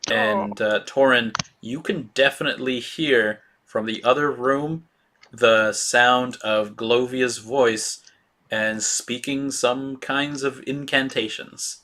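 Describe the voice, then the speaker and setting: A man running a tabletop role-playing game as game master, describing scenes in a halting way with many fillers. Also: medium pitch, fairly even intonation, sharp tone, a little hiss or hum.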